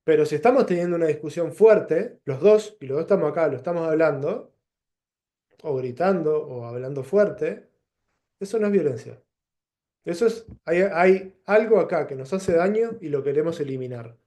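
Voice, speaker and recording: Rioplatense male lecturer, mellow tone, a bit high-pitched, reflective, pauses and restarts mid-thought. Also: expressive. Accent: Rioplatense Spanish. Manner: thoughtful, pauses and restarts, gives plain examples. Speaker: teacher.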